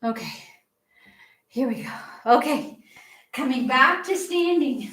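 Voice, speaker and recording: A woman's voice: high voice, sing-song, slow pace. Middle-aged lady yoga teacher, kinda breathless, cheering folks on, sounds far from the mic in an echoey room. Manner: encouraging, chatty, gently coaching through each pose. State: slightly out of breath. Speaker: yoga and meditation instructor. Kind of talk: live-streamed movement class instruction.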